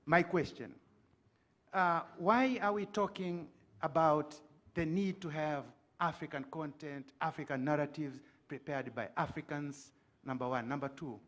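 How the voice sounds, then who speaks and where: Earnest man, fairly high voice. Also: unhurried, a bit bright. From Tanzania. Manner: earnest, pointed, makes a case with stories. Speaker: audience member asking a question. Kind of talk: conference floor question.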